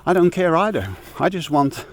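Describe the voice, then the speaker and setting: A man's voice: a little high, sing-song, normal speed. A middle-aged man talking casually on a walk, rambling with fillers and restarts, a bit out of breath from walking uphill. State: slightly out of breath. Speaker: audio YouTuber. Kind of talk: casual vlog talk while walking. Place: outdoors on a hill walk.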